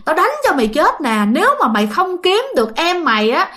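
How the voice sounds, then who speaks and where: A woman's voice: sing-song, fairly quick. A woman voicing a furious, abusive father, shrieking threats and scolding. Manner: shrill, shouting, scolding.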